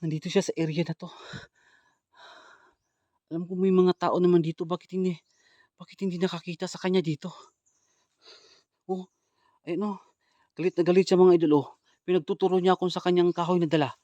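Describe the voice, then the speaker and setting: A man filming a ghost-hunting vlog outdoors in a forest. He talks to his viewers in low, hushed asides and calls out loudly and urgently. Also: level tone, fairly quick, pauses often, dry recording, lo-fi sound. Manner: low hushed asides to the camera, then loud urgent calling out. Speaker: ghost hunter vlogger. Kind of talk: live walkthrough vlog addressed to viewers.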